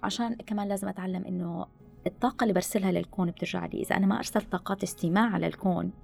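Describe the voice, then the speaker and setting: A woman talks very fast, with a gravelly, fry-tinged edge to her voice. She gives animated advice in podcast conversation and drops in English phrases. Faint music sits under her voice. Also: medium pitch. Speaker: guest speaker on listening skills.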